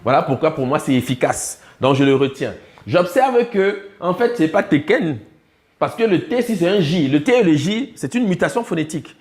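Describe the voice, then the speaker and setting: A man lectures a room of students with a voice pitched a little high. He explains in patient steps and keeps quizzing the class to check they follow. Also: big pitch swings, normal speed, a little mellow. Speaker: teacher.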